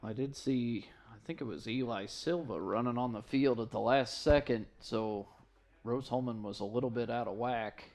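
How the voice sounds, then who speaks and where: Man, color commentator, football broadcast, quick asides, mid-pitched voice. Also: a little mellow.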